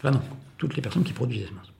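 Gravelly man explaining politics in an echoey room. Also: mid-range voice, lively intonation, racing, darkish tone. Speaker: farmer speaking as an activist. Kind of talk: explanatory political talk, speaking off the cuff.

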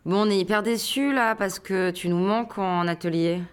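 A woman's voice: mid-range voice, moderate pace, clear, resonant tone. Coaxing woman staff member on a call. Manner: friendly and coaxing. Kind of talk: phone call.

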